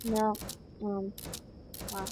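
A woman giving casual gameplay commentary, chatty with many fillers and sudden excited outbursts. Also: mid-range voice, extremely slow. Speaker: gaming video creator. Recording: loud game noise behind voice. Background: game sounds and vehicle noise.

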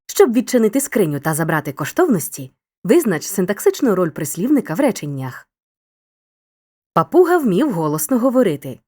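A woman narrating a scripted school grammar lesson in a clear, upbeat, encouraging teacher's tone. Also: medium pitch, very animated, brisk, mellow.

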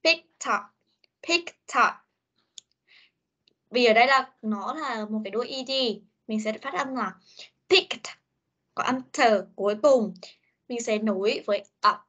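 A woman teacher whose first language is Vietnamese, leading an online English pronunciation drill over a video call and repeating words slowly. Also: a little high, fairly bright tone.

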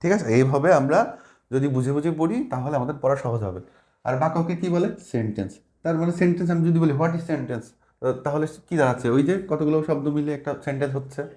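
Slow, questioning male teacher in an echoey room. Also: fairly high pitch, dark tone. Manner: explains slowly step by step with many check questions. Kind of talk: classroom grammar lesson.

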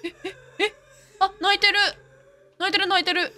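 A woman's voice: very high voice, level tone, normal speed, bright, forceful tone, slight background noise. A woman hosting a gaming video, talking casually while she plays and easily getting scared, with frequent startled exclamations and repeated words. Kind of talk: casual game commentary.

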